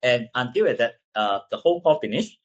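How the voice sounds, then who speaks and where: Male presenter, Cantonese accent, native Cantonese speaker, halting delivery, frequent tag questions, dull lo-fi recording. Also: mid-range voice, lively intonation. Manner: halting, often checks with "right?". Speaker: company presenter. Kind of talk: slide presentation.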